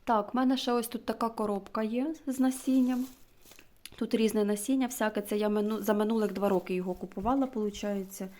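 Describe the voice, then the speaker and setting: Soft-spoken woman reading out seed packets. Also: medium pitch, steady tone. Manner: chatty, slow, reads out names one by one; drops to a near-whisper when reading labels. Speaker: gardening vlogger. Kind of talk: casual show-and-tell chat.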